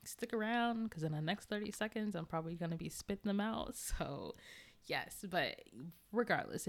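A woman hosting a podcast in a casual, chatty way, laughing often and tripping over her words. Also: fairly low pitch. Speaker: podcast host reviewing a movie. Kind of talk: casual chat.

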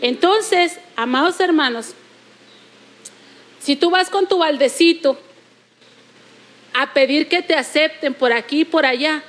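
A Mexican woman delivers a sermon in a high, bright voice. She presses her points by repeating phrases and drawing out key words slowly. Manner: emphatic repetition, slowing to stress points. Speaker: preacher.

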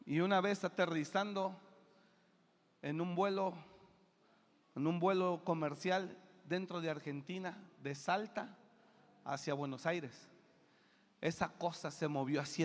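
Emphatic male pastor, high-pitched, booming one moment and murmuring the next, echoing hall. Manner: emphatic, shifts between loud bursts and low asides. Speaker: preacher. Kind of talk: sermon. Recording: long reverb of a church hall.

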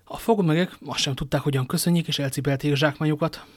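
A man reading a novel aloud as narrator, steady with occasional slips and restarts. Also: on the high side, dry recording, studio quality. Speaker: reader. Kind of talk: audiobook narration.

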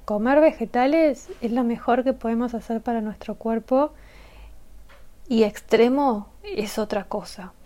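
A woman's voice: medium pitch, dark tone. A woman speaking as a health expert guest, explaining in an emphatic, persuasive way with rhetorical questions. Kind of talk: explanatory interview talk.

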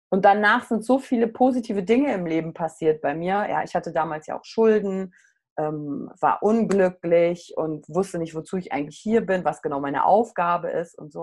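A middle-aged woman, a coach, telling a personal story in casual conversation, candid and animated. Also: medium pitch.

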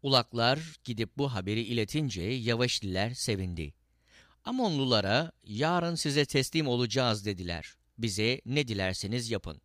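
Male Bible reader, animated delivery, dry studio sound. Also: medium pitch, moderate pace, no room sound. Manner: lively, lifts his voice for quoted speech. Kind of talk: scripted scripture reading.

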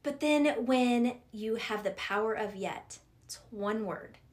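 Expressive middle-aged woman, podcast guest. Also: on the high side, slow. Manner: expressive, acts out her own inner voice. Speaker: podcast guest, professional coach. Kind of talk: casual conversation.

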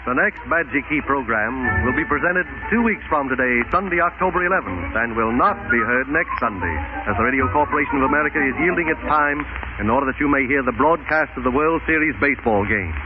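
A man announcing on an old radio show in a formal, measured announcer's delivery. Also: mid-range voice, expressive, music in the background. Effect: old radio show broadcast sound. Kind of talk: 1930s network radio announcing. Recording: tinny lo-fi 1930s radio broadcast.

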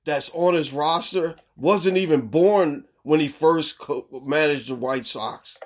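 A man co-hosting a casual sports podcast, animated and quick to laugh. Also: on the high side. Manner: laughs often, animated and teasing. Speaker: podcast co-host.

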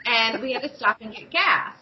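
A woman's voice: fairly high pitch, normal speed, roomy sound, lo-fi sound, a loud crowd. Casual laughing woman podcaster. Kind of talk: casual storytelling chat.

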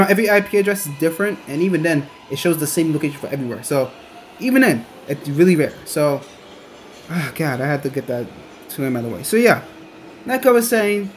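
A man's voice: sits high, slight background noise. A young man hosting a rambling solo podcast, talking in loose, restarting sentences. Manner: rambling, many restarts and fillers. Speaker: podcast host. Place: on his way to a train station.

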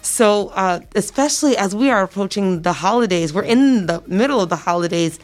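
A woman's voice: medium pitch, animated, brisk. A woman speaking as an interview guest, a community volunteer explaining things earnestly in a conversational way.

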